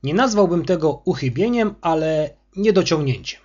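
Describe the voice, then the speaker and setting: A domineering, harsh school superintendent in an audiobook scene, performed by a male reader. His voice sits high, swoops with anger, and has a husky edge. The recording sounds muffled and lo-fi. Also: expressive, normal speed, a little mellow. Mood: bitter. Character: angry arrogant male school superintendent, bullying official.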